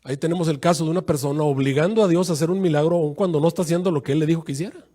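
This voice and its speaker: A man preaching a sermon as pastor, acting out quoted voices with sudden jumps in pitch. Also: steady tone, rapid-fire, mellow.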